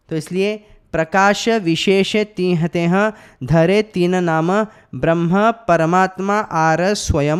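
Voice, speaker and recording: A man teaching a scripture class in Hindi and English, explaining verses slowly with pauses and repeated phrases. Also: high-pitched, clear, resonant tone. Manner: tells listeners to write points down.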